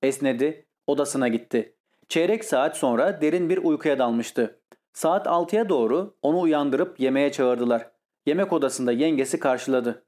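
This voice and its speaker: A man narrating a classic short story as an audiobook in a steady storytelling delivery. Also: mid-range voice, normal speed. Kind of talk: scripted literary narration.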